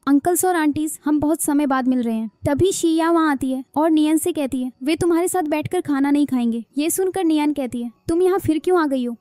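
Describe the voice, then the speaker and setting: A woman retells a drama's story and speaks all the characters' lines in her own voice. Her voice sits high but has a mellow, soft-edged tone. The sound is close and dry. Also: no echo. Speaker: drama recap narrator. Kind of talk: storytelling recap narration.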